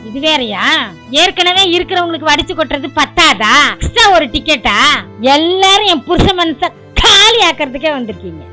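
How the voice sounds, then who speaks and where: A woman playing a proud, sharp-tongued aunt in a short film, who wails and moans in pain and later turns remorseful. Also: high voice, big pitch swings, moderate pace, faint music behind, exaggerated voice. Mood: bitter. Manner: wailing and moaning in pain. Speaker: elder aunt of the household. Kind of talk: Tamil short film acting.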